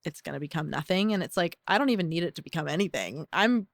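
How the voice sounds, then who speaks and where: A woman's voice: lowish voice, lively intonation, vocal fry, dry recording, studio quality. Twenty-two-year-old woman from the Bahamas. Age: 20s. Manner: thoughtful, halting, many fillers. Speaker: guest singer-songwriter. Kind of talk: casual interview chat. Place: recording studio.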